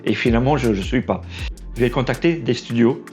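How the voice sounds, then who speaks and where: A young man with a Portuguese accent delivers an unplanned, casual vlog monologue in French, his second language, over soft background music. His medium-pitched voice is a little mellow but going hoarse. He hopes to become a trailer editor, and he stumbles, starts over often, and jokes at his own expense.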